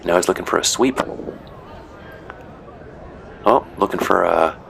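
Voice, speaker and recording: Unhurried and gravelly, with a low, slightly bright voice, a man reminisces over footage of matches he officiated. He chats and rambles, dropping "uh" and "you know" alongside dry humor, while a faint hiss or hum sits under the audio.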